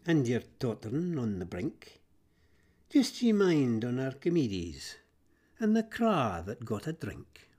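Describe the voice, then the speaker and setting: Reciting fables in Scots verse, a Scotsman uses a medium-pitched voice and a dramatic, expressive style that moves from quiet, hushed moments to forceful swells.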